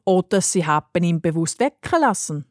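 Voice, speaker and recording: A woman voicing a kindly old grandfather who speaks calmly and soothingly, in a storybook reading. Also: on the low side, moderate pace, no room sound, studio quality. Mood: gentle. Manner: calm, soothing, relishing.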